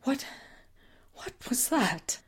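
A woman voicing a furious older father who shouts and demands answers in a raised, strained voice. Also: extremely slow. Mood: shaken.

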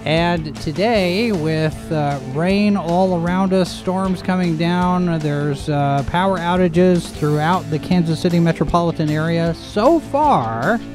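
A man hosting a live show, chatting casually through the news in a halting, digressive way. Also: a little high, over music. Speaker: host and editor of a live show.

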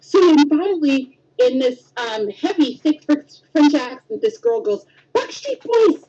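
A woman's voice: high-pitched, expressive, measured pace, mellow. A woman in her thirties co-hosting a podcast, chatting casually and telling stories with acted-out quotes. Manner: chatty storyteller, acts out quotes with squeals. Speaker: podcast co-host. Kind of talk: casual chat. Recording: dull lo-fi podcast audio.

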